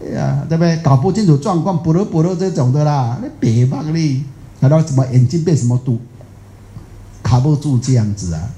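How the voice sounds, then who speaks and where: A man's voice: on the high side, fairly quick, mellow, roomy sound. A man with a Taiwanese Mandarin accent, giving a rambling, folksy Buddhist dharma talk and asking his audience questions. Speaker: Buddhist teacher.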